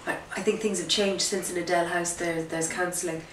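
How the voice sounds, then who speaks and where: An Irish woman journalist asking an interviewee questions with gentle, brief prompts. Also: on the low side, steady tone, brisk. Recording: distant from the mic in an echoey room, faint noise.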